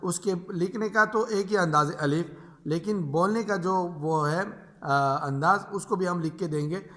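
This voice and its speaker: A man's voice: high-pitched, fairly bright tone. A man teaching the Arabic letters to other teachers, drawing out each sound and repeating simple questions as if speaking to children. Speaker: Quran reading teacher. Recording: echoey room reverb.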